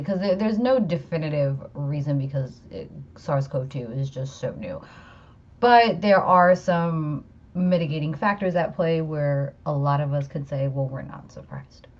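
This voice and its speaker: Lo-fi, profane storytelling woman. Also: sits low. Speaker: podcast co-host. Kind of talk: casual chat. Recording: muffled lo-fi audio.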